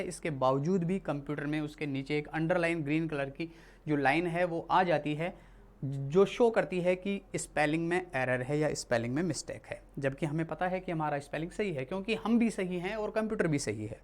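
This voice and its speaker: A teacher from India giving a classroom lesson, explaining patiently and often repeating and correcting themselves. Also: mid-range voice. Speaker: English teacher.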